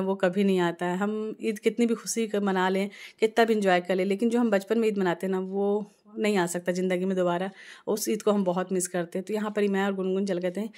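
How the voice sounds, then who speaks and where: A middle-aged woman with an Indian Hindi accent narrates her family vlog in a chatty, earnest way. Her pitch sits in the middle and hardly moves, so the voice stays flat and steady. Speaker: family vlogger. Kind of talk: casual vlog voice-over.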